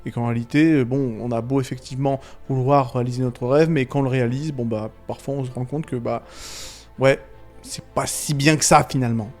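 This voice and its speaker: A man giving casual, rambling video commentary on animated films, full of fillers, restarts, slang and chuckles. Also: mid-range voice, a little fast, soft background music. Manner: slangy and irreverent. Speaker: YouTube film commentator.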